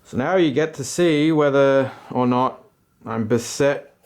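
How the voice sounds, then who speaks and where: A man's voice: mid-range voice, unhurried, darkish tone. A man giving casual running commentary as he plays a tabletop game alone, with slangy, self-deprecating asides. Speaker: host and player of a solo tabletop game.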